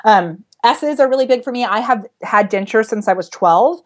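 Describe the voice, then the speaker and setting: Female speaking coach, quick and chatty, slight lisp, easy laughter. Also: a little high, animated. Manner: fast-talking, bubbly, laughs often. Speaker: vocal coach. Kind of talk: casual chat.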